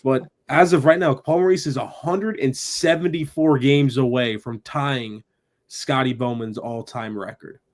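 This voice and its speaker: A man's voice: medium pitch, a little slow. A man co-hosting a hockey podcast, chatting casually and reeling off stats and trivia. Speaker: podcast co-host.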